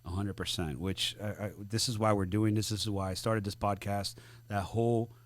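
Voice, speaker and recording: A man hosting a podcast, explaining in a conversational way and often pausing on fillers. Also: fairly low pitch, steady tone. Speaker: podcast host.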